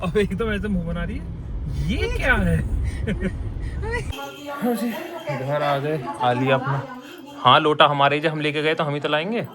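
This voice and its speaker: A man's voice: on the high side, a little fast, crowd noise. A man narrating his family vlog casually on the move, giving running commentary to the camera. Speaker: family vlogger. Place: outdoors and around the home, on the move. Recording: noisy phone vlog audio.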